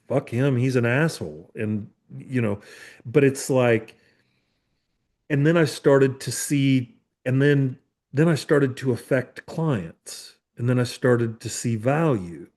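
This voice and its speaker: With a darkish tone and mid-range pitch, a therapist in his fifties talks casually on his podcast. He often restarts his sentences and swears in an offhand way.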